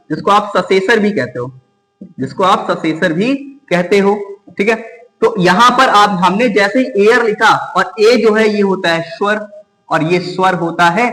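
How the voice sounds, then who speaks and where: A male teacher giving an exam-prep grammar lesson, asking questions and answering them himself, repeating key words slowly. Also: high voice, a bit bright, big-room sound, poor audio. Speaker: English teacher.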